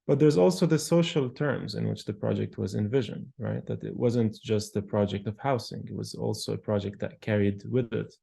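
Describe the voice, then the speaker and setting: A man in his thirties from Palestine, an architectural historian, answering interview questions in a thoughtful, measured way with frequent pauses and fillers. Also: fairly low pitch, gravelly, mellow, slightly rough. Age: 30s.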